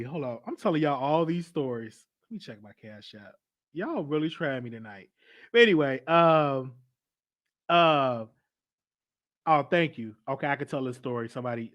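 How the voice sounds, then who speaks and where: Host, man in his 20s, Southern accent, high voice, dry close sound, casual live storytelling. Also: no echo. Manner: animated, repeats phrases, slangy. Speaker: show host.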